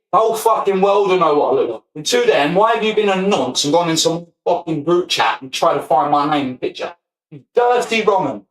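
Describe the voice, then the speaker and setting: High-voiced ranting man, echoey room. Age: 40s. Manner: profane, ranting, quick to laugh. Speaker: streamer. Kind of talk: livestream rant.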